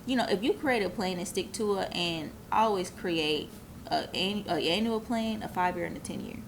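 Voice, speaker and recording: A woman in her twenties who owns a business speaks earnestly and reflectively as a guest in a casual interview, using many filler phrases. Her voice is mid-range and her pace moderate. There is slight background noise.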